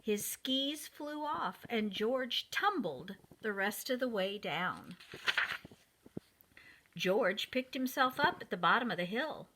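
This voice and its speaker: Reading a picture book to preschoolers, a teacher uses a bright, clear voice with very animated, swooping pitch and a slow, deliberate pace. The audio is poor, with slight background noise.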